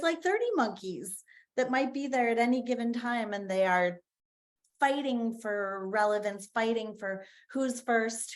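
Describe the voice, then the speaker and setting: A woman facilitating an online writing workshop on a video call, enthusiastic and laughing often. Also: medium pitch.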